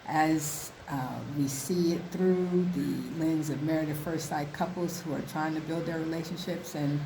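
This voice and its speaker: A woman's voice: deep voice, fairly even intonation, moderate pace. A woman co-hosting a conversational recap, recorded outdoors on a seaside balcony with a slight echo. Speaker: podcast co-host. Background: waves, ambient noise.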